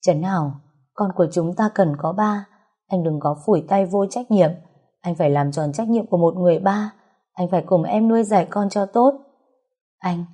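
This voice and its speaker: A woman's voice: medium pitch, mellow, breathy edge, close to an everyday voice. A woman voicing a grief-stricken pregnant young woman who pleads through sobs. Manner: sobbing, pleading.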